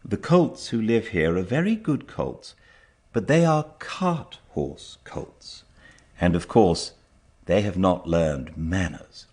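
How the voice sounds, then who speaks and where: A man voicing a gentle, wise mother horse in a storybook, earnestly instructing her foal. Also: sits low, big pitch swings, slow, exaggerated voice. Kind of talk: storybook character reading.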